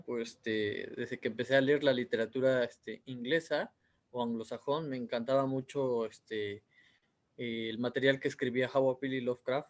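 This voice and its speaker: Mexican guy in his 30s, author being interviewed, rambles with lots of fillers. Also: mid-range voice. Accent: Mexican Spanish.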